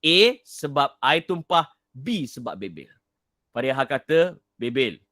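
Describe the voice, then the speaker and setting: A man's voice: medium pitch, big pitch swings, a little slow, sharp tone, no room sound, clean studio sound. A middle-aged man from Kelantan, Malaysia, giving a live online motivational talk. He repeats his key points, quizzes listeners and reads their answers from the chat. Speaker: motivational speaker.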